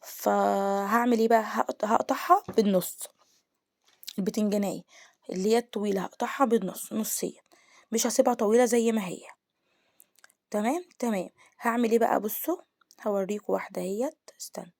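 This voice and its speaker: Fast-talking Egyptian woman cooking host. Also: medium pitch, steady tone, darkish tone, no room sound, clean studio sound. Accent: Egyptian Arabic. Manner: chatty, explains step by step to viewers. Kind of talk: home cooking tutorial. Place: home kitchen.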